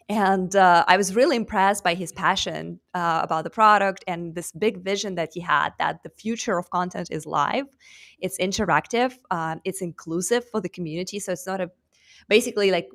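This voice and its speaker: A woman's voice: fairly low pitch, fairly bright tone. A woman from Russia in her thirties, speaking as an interview guest. She talks in a chatty, fluent way, with plenty of fillers as she goes. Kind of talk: online interview.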